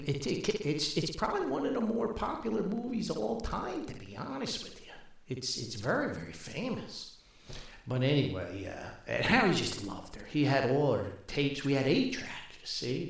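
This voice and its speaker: An older man hosts a podcast, telling casual anecdotes in a rambling, folksy way and chuckling at his own stories. His voice is gravelly and medium-pitched, and the room is very echoey and reverberant.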